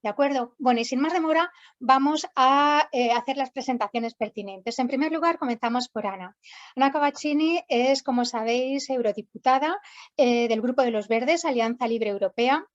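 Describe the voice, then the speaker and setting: A woman's voice: high-pitched, normal speed, highs cut off. A woman moderating an online panel as host, introducing guests and putting questions to them, over webinar audio.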